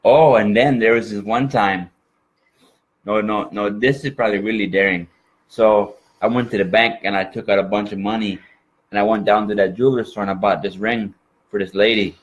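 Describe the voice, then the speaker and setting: A man's voice: lowish voice, fairly even intonation, normal speed, poor audio. A man from Minnesota with an exaggerated Minnesota accent, chatting as an interview guest in a folksy, rambling way. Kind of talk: casual interview chat.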